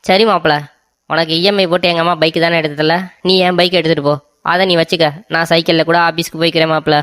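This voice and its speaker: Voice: mid-range voice, level tone, fast, fairly bright tone, no room sound, clean studio sound, close to an everyday voice. A voice actor playing a doting young husband in a cartoon comedy, coaxing and sweet-talking his wife.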